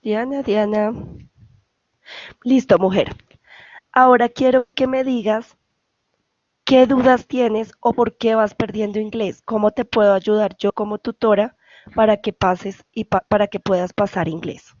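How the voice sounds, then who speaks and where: A woman's voice: mid-range voice, fairly even intonation, measured pace, a little mellow, dry recording, dull audio. Patient Colombian woman tutoring English. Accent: Colombian Spanish. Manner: patient, repeats and checks for questions. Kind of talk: online class explanation. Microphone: video call.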